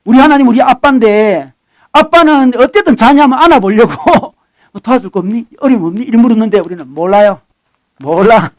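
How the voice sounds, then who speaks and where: A middle-aged man preaching a sermon as a pastor, conversational and animated, swinging between loud bursts and soft asides. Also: high voice. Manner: acts out dialogue with his son.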